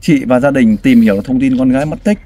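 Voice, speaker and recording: A man's voice: medium pitch, a little fast, mellow. A man hosting a street interview, prompting and sympathetic, often sighing. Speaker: host interviewing a family. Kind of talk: street interview, casual and caring.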